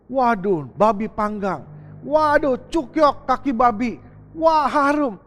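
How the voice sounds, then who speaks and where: A man preaching from the pulpit in a high, ringing voice. His words trail off into a long reverb from a big hall. He swings from loud bursts to soft lines as he acts out a story. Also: animated, slow. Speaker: pastor. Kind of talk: sermon.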